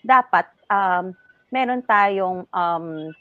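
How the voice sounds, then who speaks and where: A woman's voice: mid-range voice, extremely slow, dry recording. Woman ENT guest, patient explainer, muffled dry studio audio. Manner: patient, explanatory, mixing English and Tagalog. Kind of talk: explaining in a TV health talk show.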